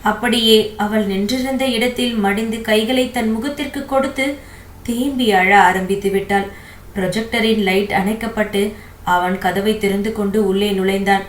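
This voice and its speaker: A woman narrating an audio novel in a steady, even storytelling voice. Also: mid-range voice, normal speed. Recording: echoey room with faint hiss.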